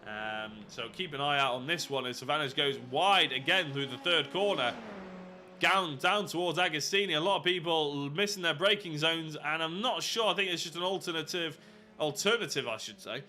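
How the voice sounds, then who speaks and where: A young man with a somewhat high voice commentates live sim racing at a normal pace, sounding pushed and bright with faint music in the background. Hay fever makes him congested and nasal. He's chatty, often correcting himself and tossing in apologetic asides.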